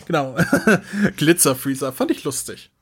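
A man with a somewhat high voice chats loosely as a podcast co-host. He laughs often and slips into little acted quotes. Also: expressive, a little slow, fairly bright tone, husky. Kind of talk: casual chat reviewing manga.

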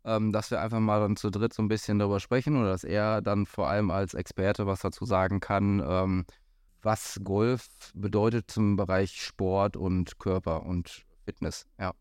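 A man's voice: on the low side, fairly even intonation, normal speed, a little mellow, smooth, dry recording, studio quality. A man talking as a golf pro in a casual podcast chat, hesitant, with many fillers and restarts. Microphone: studio microphone.

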